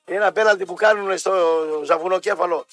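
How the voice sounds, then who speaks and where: Radio guy, high voice, blunt slangy talk, faint music under it. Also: fairly even intonation, a bit bright. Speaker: radio sports show co-host. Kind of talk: casual sports radio banter. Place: radio studio.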